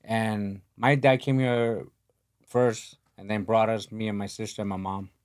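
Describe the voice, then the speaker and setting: A man in his forties from Honduras, hosting a podcast, talking in a soft, earnest way in a studio. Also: on the low side, steady tone, measured pace, clean tone. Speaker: podcast host, boxing coach. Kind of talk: casual interview talk. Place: podcast studio in a boxing gym. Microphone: desk podcast mic.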